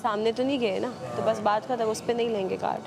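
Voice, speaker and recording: A woman's voice: a little high, fairly even intonation, brisk, gravelly, over music. A woman contestant with a Pakistani Urdu accent, defensive and reasoning out her point. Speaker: reality show contestant. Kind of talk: casual argument. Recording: noisy reality show floor audio.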